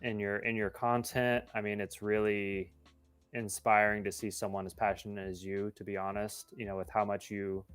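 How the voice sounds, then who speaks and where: A man's voice: lowish voice, little pitch movement, moderate pace, fairly bright tone, clean tone. A man co-hosting, asking questions in an earnest, thoughtful way with some repeated words. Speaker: co-host. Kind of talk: casual interview questions.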